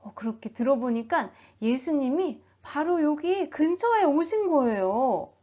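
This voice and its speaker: A woman telling a Bible story as a children's sermon, expressive and animated, asking the listeners questions. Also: sits high, measured pace. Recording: dull lo-fi recording.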